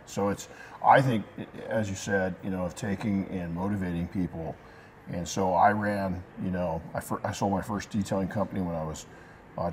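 A man's voice: deep voice, a little mellow, a little hiss or hum. A middle-aged man, a guest in a casual interview, telling his own story candidly and emphatically on a lapel mic in a shop. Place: detailing supply shop, indoors.

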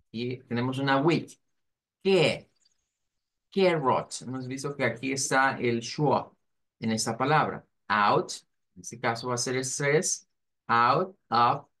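A man teaching an online English pronunciation class, explaining in Spanish and slowly modelling English words and sentences. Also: mid-range voice, a bit bright.

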